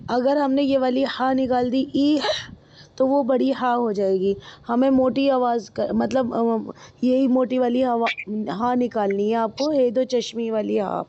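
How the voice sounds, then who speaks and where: A woman's voice: fairly high pitch, fairly even intonation, dark tone, dull audio. A woman teaching Quran recitation. She is patient and encouraging, and drops English words into her talk. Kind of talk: online tajweed lesson.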